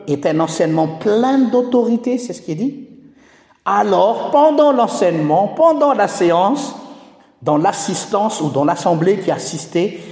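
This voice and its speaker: A man with a high, mellow voice preaches a sermon in a teaching, rhetorical manner. His words ring out through a large hall with a long, echoing tail. He speaks straight to the congregation. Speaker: pastor. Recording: echoey hall with long reverb.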